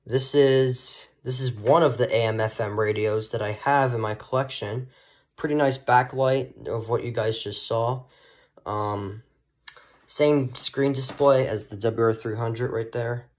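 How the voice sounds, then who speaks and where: A man with a steady, medium-pitched, darkish voice casually presents weather radios from his collection. It's an unscripted hobbyist vlog, delivered in a halting, hesitant, rambling way.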